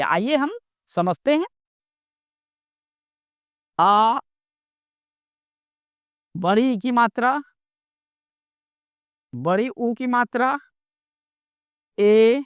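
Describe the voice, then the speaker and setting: A woman teacher from India leads a grammar lesson at an unhurried pace. She keeps asking questions and answering them herself, repeating points so they stick. Her voice is high and lively, and the recording is dry and close. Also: dry recording.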